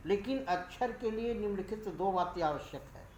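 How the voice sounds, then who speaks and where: A man teaching a Hindi grammar lesson, explaining slowly and spelling out letters and example words one by one. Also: sits high, expressive, darkish tone, slight background noise.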